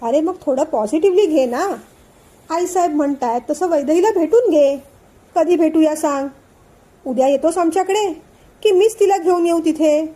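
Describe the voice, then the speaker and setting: A woman voicing a playful young man in a storybook reading, gently teasing and calming his friend. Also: high voice. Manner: playful, soothing, laughing. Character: cheerful teasing male friend, coaxing.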